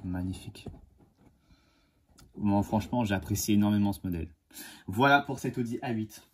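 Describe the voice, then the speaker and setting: A man hosting a casual unboxing vlog as a model car collector, enthusiastic and halting, with many fillers and restarts. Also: on the low side, darkish tone, a little hiss or hum. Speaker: die-cast model car collector and channel host.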